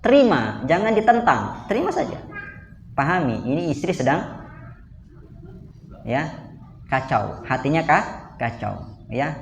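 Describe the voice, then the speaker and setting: A man's voice: on the high side, very animated, a little slow, vocal fry, long pauses, a little hiss or hum. Echoey Indonesian man preaching animatedly. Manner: asks the audience questions and answers them himself. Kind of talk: lively sermon. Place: mosque hall.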